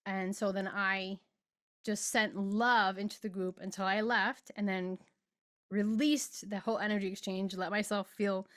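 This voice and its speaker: A woman's voice: medium pitch, steady tone, unhurried, a bit bright. A middle-aged woman hosting a podcast and giving an earnest, emotional spiritual monologue, stretching out words for emphasis. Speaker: podcast host and spiritual guide.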